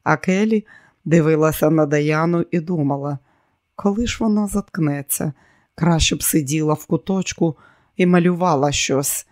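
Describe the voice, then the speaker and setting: A man reading an audiobook in a steady, measured narration. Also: fairly high pitch, dry recording, studio quality.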